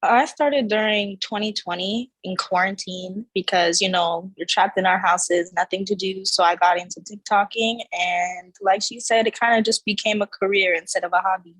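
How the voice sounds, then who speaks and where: A woman from California, a guest content creator on a podcast, soft-spoken and matter-of-fact. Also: mid-range voice, fairly even intonation, normal speed, hardly any pauses, no room sound, poor audio. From California, USA. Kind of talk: casual group interview.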